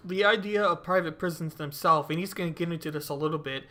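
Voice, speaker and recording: Slightly high, loose-talking male host. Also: quick pace, sharp tone. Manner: rambling, loose, many fillers. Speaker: show host. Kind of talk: casual livestream commentary.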